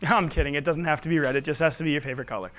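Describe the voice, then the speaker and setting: A man's voice: fairly high pitch, rapid-fire, fairly bright tone. A man performing live as a magician, teaching tricks with playful kids party patter, teasing and putting questions to his audience. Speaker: stage magician. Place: live show in a room before a responding audience.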